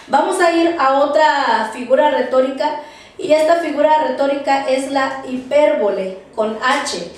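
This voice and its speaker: A woman teaching a Bible class, speaking haltingly, repeating words and often checking in with her listeners. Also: high-pitched. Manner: halting, repeats words, tags phrases with "¿verdad?"; spells words out slowly for note-taking. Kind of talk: Bible study lecture. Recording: very echoey room, distant mic.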